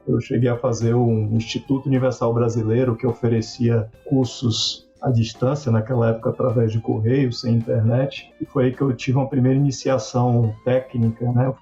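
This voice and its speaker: A man, answering interview questions in a measured way, often tagging on a quick question. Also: medium pitch, warm tone, lo-fi sound. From Bahia, Northeast Brazil. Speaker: logistics executive guest.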